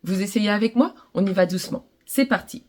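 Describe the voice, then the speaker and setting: A woman with a French accent teaching ukulele to children, gently encouraging them through the lesson. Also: mid-range voice, a little fast.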